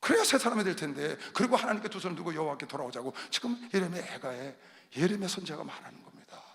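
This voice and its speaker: A middle-aged man preaching a sermon as pastor, fervent, swinging from quiet asides to shouts. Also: a little high, lively intonation, very fast, vocal fry. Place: large arena hall. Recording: long reverb of a large hall.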